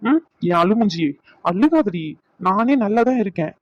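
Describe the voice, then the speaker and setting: A man's voice: sits high, big pitch swings, no room sound, highs cut off. A man voicing an injured young man in a cartoon who teases his tearful girlfriend with mock threats. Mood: playful. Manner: teasing, mock threats, rapid speech. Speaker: voice actor. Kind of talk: cartoon dub acting.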